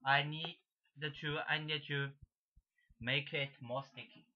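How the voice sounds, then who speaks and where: Demonstrating his paintings to camera in a small indoor room, a young amateur artist from Shanghai, China, whose first language is Mandarin, rambles casually in halting, repetitive broken English with a Chinese accent. His voice is fairly high and steady, and the webcam audio sounds dull and lo-fi.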